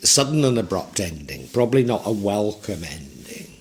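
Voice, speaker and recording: A man's voice: fairly low pitch, very animated, moderate pace, slight background noise. A man in his sixties giving a tarot reading in a reflective, rambling way with frequent restarts. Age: 60s. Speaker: tarot reader.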